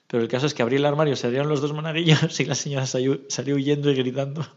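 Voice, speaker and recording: A man's voice: mid-range voice, rapid-fire, lo-fi sound. A parish priest with a Spanish accent from Spain gives a homily full of anecdotes, constantly tagging his phrases with a questioning "¿no?". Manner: lively storyteller, adds "¿no?" after nearly every phrase.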